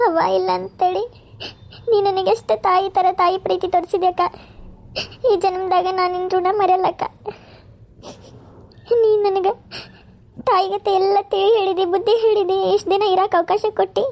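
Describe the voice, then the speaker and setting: A woman's voice: very high-pitched, flat delivery, moderate pace, pauses often, darkish tone, voice pushed up. A woman voicing a tearful young married woman who is crying as she speaks.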